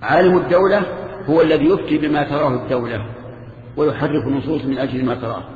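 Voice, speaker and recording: An older man, teaching a religious lesson in a conversational way, with halting restarts and questions to his students. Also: medium pitch, fairly even intonation, slight background noise. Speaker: Islamic scholar teaching a lesson. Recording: echoey hall, muffled lo-fi archive tape.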